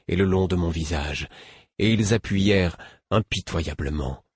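Narrateur de livre audio, voix d'homme très grave et voilée, enregistrement sec et proche. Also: male voice, sits low, breathy edge, no room sound. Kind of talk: first-person novel narration.

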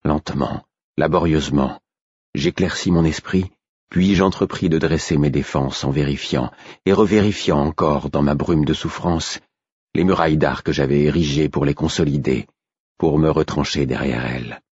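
Very deep-voiced husky male narrator. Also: moderate pace, a little mellow, no echo. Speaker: audiobook narrator. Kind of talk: scripted first-person narration. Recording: dry, slightly dull recording.

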